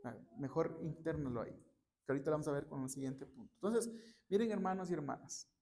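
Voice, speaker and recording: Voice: medium pitch, expressive, fast, creaky, mellow, a little hiss or hum. A preacher giving a conversational sermon in a church, teaching with many rhetorical check-in questions and personal anecdotes. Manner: recounts personal workshop anecdotes.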